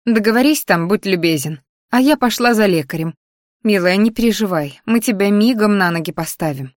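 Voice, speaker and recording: A woman's voice: mid-range voice, expressive, fairly quick, dry recording, studio quality, natural voice. A woman voicing an agitated, commanding mother who fusses over a hurt girl. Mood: bossy. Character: fussy worried mother, bossy.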